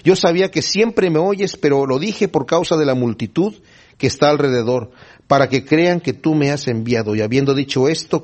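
A man's voice: a little high, a little mellow. A man preaching a sermon, reading Bible passages aloud and asking the congregation emphatic rhetorical questions. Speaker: pastor.

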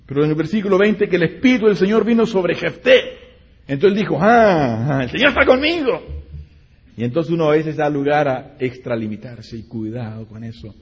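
A male preacher delivers a sermon, turning dramatic as he voices scripture characters and then speaking straight to his congregation. His voice is somewhat high and husky. The recording is dull and lo-fi, with a long reverb trailing through the hall. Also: brisk. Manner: animated, dramatic voicing of scripture characters, direct asides to the congregation.

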